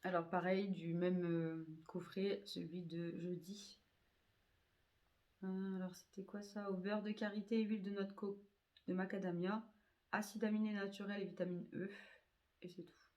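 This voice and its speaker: A woman's voice: mid-range voice, little pitch movement, moderate pace, a little mellow. A woman reviewing used-up beauty products in a chatty way, full of hesitations and fillers. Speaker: beauty vlogger.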